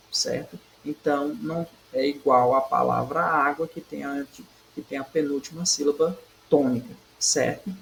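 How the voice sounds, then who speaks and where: A man's voice: a little high, creaky, a little hiss or hum, rough recording. A man teaching Portuguese, working through exam questions in a didactic way, checking in with "certo?" and punching out stressed syllables. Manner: stresses syllables by saying them louder.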